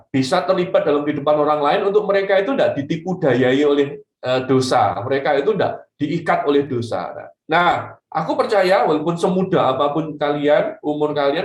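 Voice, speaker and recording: A man gives a casual youth sermon in a somewhat high voice. His talk is chatty and animated, full of slang and English asides. The recording is echoey, as if made in a reverberant room. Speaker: youth preacher.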